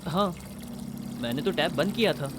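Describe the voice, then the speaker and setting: A man's voice: a little high, lively intonation, moderate pace, very noisy, natural voice. A man dubbing a film role as a practical young man who brushes off his friends' fears. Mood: dismissive. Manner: dismissive, offhand. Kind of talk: Hindi film dub. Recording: loud film score under dialogue.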